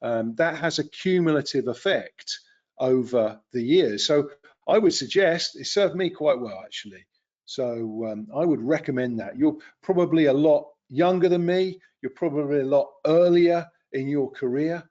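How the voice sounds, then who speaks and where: This fifty-something webinar presenter has a fairly high, slightly mellow voice and speaks at a moderate pace. The computer webcam mic gives a muffled sound as he rambles through an unscripted, conversational lecture, full of fillers and restarts.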